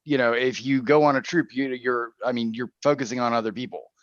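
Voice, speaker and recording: A man hosts a casual livestream panel in a mid-range voice with fairly even intonation. He halts often, restarting and repeating words as he phrases his questions. The online audio is muffled and dry, with no room sound.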